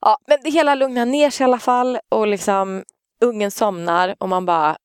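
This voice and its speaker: A woman's voice: medium pitch, clean tone, no room sound, clean studio sound. A woman, casually telling a story on a podcast and acting out the quotes. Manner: animated anecdote-telling, acts out quotes loudly. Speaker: podcast co-host, parent.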